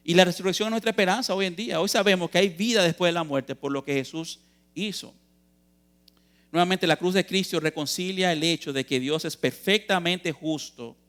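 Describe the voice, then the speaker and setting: A man's voice: a little high, fairly bright tone. A man preaching a youth sermon in a church, earnest and emphatic, posing questions and answering them, calling his listeners brothers.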